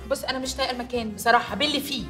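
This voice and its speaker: Actress as a rude, bossy Egyptian hotel guest. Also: female voice, fairly high pitch, racing, fairly bright tone, faint music behind, close to an everyday voice. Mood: haughty. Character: haughty, sharp-tongued young woman hotel guest. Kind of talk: TV comedy series acting.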